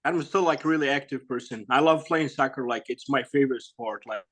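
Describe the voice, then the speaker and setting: A man, answering interview questions in a halting, casual way with many fillers and soft laughs. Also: mid-range voice. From Iraq. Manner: halting, lots of "you know" and "like", laughs softly. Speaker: guest, bodybuilder.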